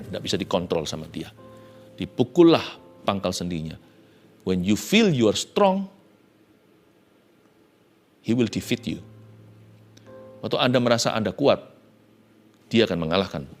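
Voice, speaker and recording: Dramatic man preaching. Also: a little high. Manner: dramatic preaching, acting out Jacob's pleas in hushed tones; mixes English phrases into his preaching. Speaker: pastor. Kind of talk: sermon.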